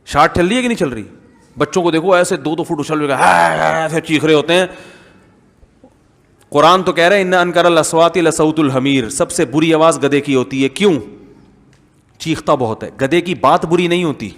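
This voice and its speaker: A man's voice: fairly high pitch, a bit bright. A man with a Pakistani Urdu accent giving a humorous, rhetorical reformist sermon as an Islamic scholar. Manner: humorous, rhetorical, mimics voices. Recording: long hall reverb.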